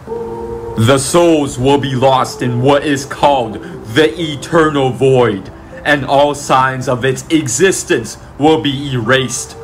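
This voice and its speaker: A man performs a grave cartoon figure giving solemn exposition. His voice is medium in pitch and slow, over faint music. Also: natural voice, low-quality recording. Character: grave male explainer of lost souls. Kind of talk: animated web series dialogue, solemn exposition.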